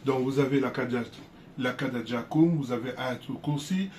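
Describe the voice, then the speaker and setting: Guy calmly teaching his viewers, keeps restarting, mid pitch, bit of faint noise behind. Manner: unhurried, repeats words and restarts often. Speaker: spiritual teacher. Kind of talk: casual spoken teaching to viewers.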